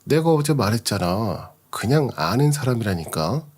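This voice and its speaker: A man's voice: mid-range voice, big pitch swings, normal speed, a little mellow, husky. A man voicing a cheating husband who blusters and denies everything. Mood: defensive. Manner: blustering, evasive. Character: cheating husband caught out, defensive.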